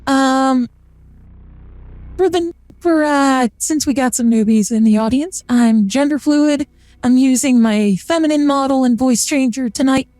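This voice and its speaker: High feminine voice through a voice changer. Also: a little slow, darkish tone, no echo. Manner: chatty and rambling, many fillers. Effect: voice changer making the voice sound feminine. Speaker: VTuber streamer. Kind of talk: casual gameplay chat.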